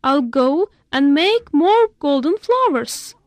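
A woman reading aloud plays a greedy king who loves gold, soothing his child in a gentle, unhurried way. Her voice sits high and the story moves at a very slow pace. The sound is close and completely dry. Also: sing-song, dry recording, heavily acted. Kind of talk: bilingual read-aloud story.

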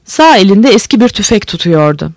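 Audiobook reader, steady pace of telling, mid pitch, dry close mic. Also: brisk, dry recording. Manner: steady storytelling read. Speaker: audiobook narrator. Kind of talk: scripted narration.

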